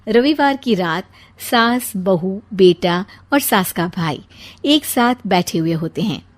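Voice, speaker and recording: A woman narrating a cartoon family story in a light, lively way. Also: mid-range voice, slow.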